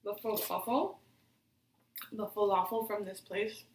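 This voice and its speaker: A woman's voice: medium pitch, steady tone, unhurried. Chatty woman eating on camera. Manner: chatty, rambling with fillers between bites. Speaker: vlogger. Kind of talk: casual mukbang chat. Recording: roomy, distant camera audio with faint hiss.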